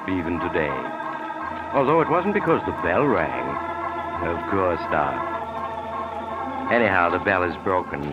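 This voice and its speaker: An actor playing a mysterious, sly storyteller, confiding theatrically in 1940s radio horror style. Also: male voice, low-pitched, sing-song, unhurried, pauses often. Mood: sly, ominous. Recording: muffled old radio, loud organ music behind.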